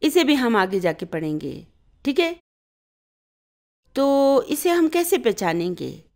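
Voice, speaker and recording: A woman whose first language is Urdu gives an Arabic grammar lesson in a slightly high voice. She explains each point step by step and keeps checking that her students are following. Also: sing-song, darkish tone. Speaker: Arabic teacher.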